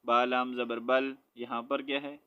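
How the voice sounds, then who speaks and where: A man teaching Quran reading, spelling each word letter by letter and then reciting it slowly, with a Pakistani Urdu accent. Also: medium pitch, little pitch movement, smooth, muffled recording. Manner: slow syllable-by-syllable spelling, then drawn-out recitation.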